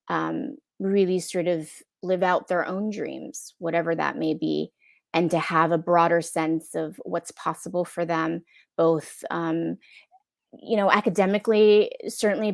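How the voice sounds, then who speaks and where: A middle-aged American woman, a film impact producer appearing as a guest, gives an earnest, thoughtful answer on a video-call panel from an indoor room, often checking for agreement. Her voice is fairly low and creaky, and the recording is dry with clean studio sound.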